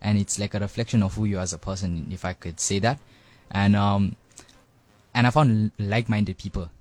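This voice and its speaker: Young man, 18, lowish voice, hesitant, studio guest. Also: steady tone, a little fast, darkish tone, no echo. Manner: hesitant, many ums and likes. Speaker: band drummer, guest. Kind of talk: casual radio interview answers. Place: radio studio.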